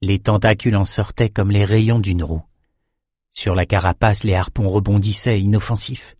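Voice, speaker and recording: A man reads a fantasy adventure aloud in an even, measured way. His voice sits low, and the recording is dry and close with no room sound. The pacing is steady and controlled. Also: dry recording. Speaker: audiobook narrator. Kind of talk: scripted fantasy narration.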